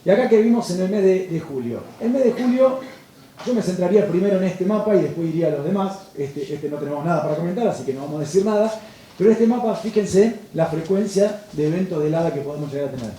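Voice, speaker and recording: Dark-voiced man lecturing in echoey hall. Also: sits high, animated, quick pace, a little hiss or hum. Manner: explanatory, checks in with frequent "¿sí?". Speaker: meteorologist giving a lecture. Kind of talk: lecture to farmers. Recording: echoey hall, distant mic.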